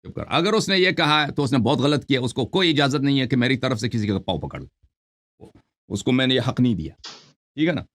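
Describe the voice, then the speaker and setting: A man's voice: medium pitch, lively intonation, a bit bright. Male call-in host, confrontational, interrupts and lectures. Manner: scolding, accusing, cuts in over the caller. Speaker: show host. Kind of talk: confrontational live call-in debate.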